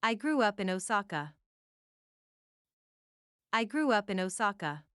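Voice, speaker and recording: A woman reading short practice phrases aloud for learners, saying each one several times in a deliberate, even way. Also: mid-range voice, clear, resonant tone, no echo, clean studio sound. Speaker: English phrase reader.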